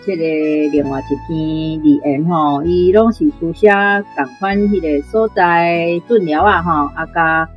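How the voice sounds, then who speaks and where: Soft background music and dull audio accompany a woman whose low voice moves at a measured pace with hardly any pauses. With a Taiwanese accent, she gives unscripted explanations about literature as a guest or presenter on a radio programme.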